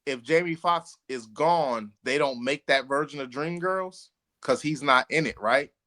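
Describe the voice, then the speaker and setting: This American man co-hosts a casual podcast with friends, speaking at an unhurried pace with a medium pitch and a sharp tone. He talks emphatically and often repeats himself for effect.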